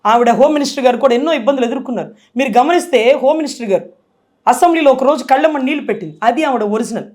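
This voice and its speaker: High, fast, impassioned woman. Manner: impassioned, forceful, tearful at times. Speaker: interview guest, political spokesperson. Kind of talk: emotional political interview.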